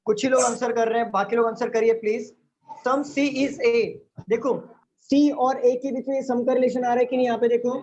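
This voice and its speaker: A man talks quickly in a very high, level voice with a darkish tone while teaching a live online reasoning lecture. He takes students through each step, quizzes them nonstop, and uses English terms within Hindi. The stream sounds dull and lo-fi, with faint noise.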